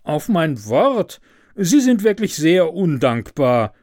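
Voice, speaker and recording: A man voicing an impulsive, self-absorbed young student in a fairy tale, with loud, excited exclamations. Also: fairly high pitch, unhurried, dry recording, studio quality. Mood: indignant.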